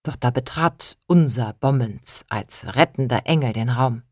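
A woman narrating a first-person story in audiobook style, with expressive delivery. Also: extremely low pitch, unhurried, no room sound, clean studio sound.

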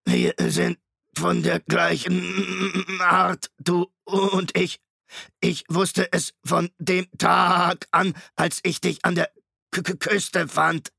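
A stuttering undead machine stalker. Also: male voice, high-pitched, steady tone, slow, pushed and bright, no room sound, clean studio sound, voice pushed up, full character voice. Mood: eerie tender. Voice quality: stuttering, creaking like a damaged tape. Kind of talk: audiobook reading.

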